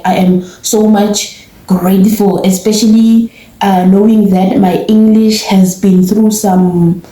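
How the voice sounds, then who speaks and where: This is a young woman with a South African accent, chatting to her audience in a casual vlog. Her voice is mellow and her delivery measured. The sound carries a noticeable room echo. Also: medium pitch. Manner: earnest and grateful, talks to viewers directly. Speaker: vlogger. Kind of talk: casual vlog talk to camera. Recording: roomy echo.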